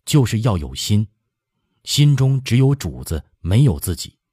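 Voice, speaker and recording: A man's voice: lowish voice, sing-song, a little slow, warm tone, slightly rough, no room sound, studio quality, voice pushed up, heavily acted. A man reading the part of a proud young noble general who earnestly confesses his faults, in a storybook reading. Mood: contrite. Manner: earnest, self-reproaching confession.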